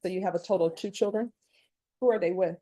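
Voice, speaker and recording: Courtroom recording: a woman judge with a mellow, dark voice and a brisk, formal delivery. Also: lowish voice. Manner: brisk, formal, reads set questions. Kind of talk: formal plea admonishments.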